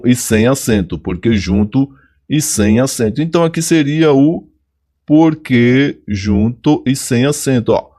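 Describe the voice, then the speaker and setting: Brazilian guy teaching test prep, talks slow, keeps saying look here. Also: medium pitch, mellow. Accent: Brazilian Portuguese. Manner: repetitive, pointing things out with "olha só" and "ó". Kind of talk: explaining exam questions to viewers.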